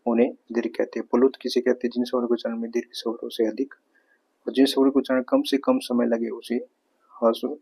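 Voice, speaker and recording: A man's voice: mid-range voice, mellow, slightly rough, poor audio. A man with a Haryanvi-tinged accent teaching an exam prep grammar lesson, reading each question and then explaining the answer step by step with repeats. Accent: Haryanvi-tinged Hindi.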